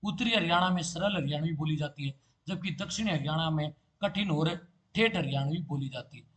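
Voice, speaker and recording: A man's voice: on the high side, brisk, a bit bright. A man giving an exam-prep lecture, asking quiz questions and answering them himself. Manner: asks a question and answers it himself, "ठीक है" filler. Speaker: competitive exam teacher.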